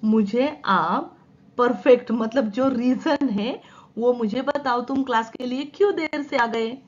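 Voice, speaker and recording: A woman's voice: on the high side, slow pace, muffled recording. A woman teaching, explaining answers in mixed with Japanese and often checking that her students follow. She has a sore throat. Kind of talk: exam practice lesson.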